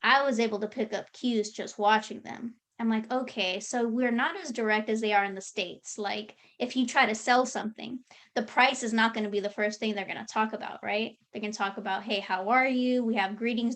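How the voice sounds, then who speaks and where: Slightly high-voiced woman guest. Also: a little fast. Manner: relaxed storytelling, acts out her own thoughts. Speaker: interview guest. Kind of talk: casual interview chat.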